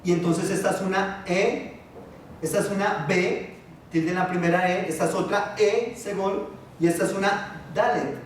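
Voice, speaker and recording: A man teaching a Biblical Hebrew class, patiently asking his students questions and pausing on fillers. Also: high-pitched, steady tone, distant mic, a little hiss or hum. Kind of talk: classroom lesson. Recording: echoey room, voice from afar.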